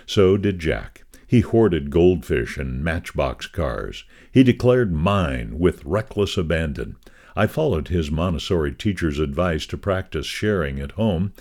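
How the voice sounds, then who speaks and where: A man giving a measured, expressive scripted reading of a devotional magazine column. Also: very deep voice.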